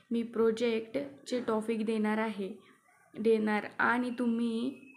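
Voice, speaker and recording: A woman's voice: fairly high pitch, slight background noise. A woman voicing a strict teacher who lectures her class in a stern tone.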